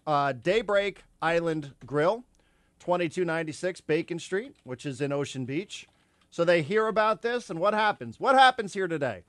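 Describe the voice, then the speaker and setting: Animated, rambling male radio host. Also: fairly high pitch, dry recording. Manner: animated, rambling with repeated words. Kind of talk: sports talk radio chat. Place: radio studio. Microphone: studio microphone.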